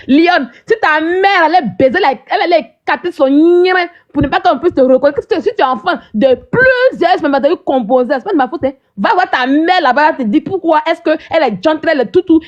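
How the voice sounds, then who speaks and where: A woman's voice: high-pitched, muffled recording. A woman hosting a live stream, ranting at her viewers in a combative, mocking way and often asking "hein?".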